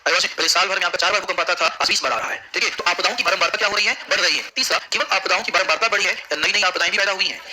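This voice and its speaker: A man's voice: high voice, very fast, hardly any pauses, sharp tone, slight background noise, low-quality recording. A man teaching geography to a class, constantly asking questions and answering them himself. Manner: drills students with repeated questions. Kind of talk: classroom lecture.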